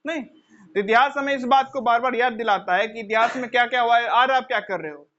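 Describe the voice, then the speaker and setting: High-voiced man lecturing with rhetorical questions. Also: a little fast, fairly bright tone. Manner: asks rhetorical questions and answers them himself; addresses listeners as children. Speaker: teacher. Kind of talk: motivational classroom lecture. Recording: dull lo-fi recording.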